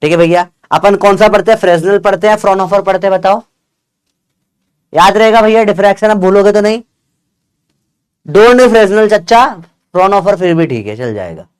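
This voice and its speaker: A man's voice: sits high, brisk, smooth, dry recording. A man teaching a casual lesson, chatty and joking, often checking whether his students follow.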